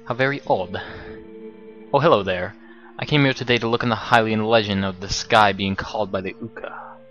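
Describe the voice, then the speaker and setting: A man's voice: on the low side, moderate pace, a bit bright, muffled recording, faint music behind, natural voice. A man voicing a polite, bookish young male scholar in a put-on British accent, formal and eager. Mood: curious.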